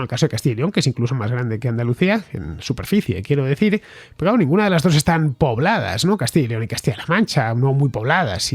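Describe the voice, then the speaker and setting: A male podcast host gives explanatory commentary with lively swings in pitch. His voice is slightly husky, and the recording is dry and close. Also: dry recording. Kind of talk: commentary answering a listener.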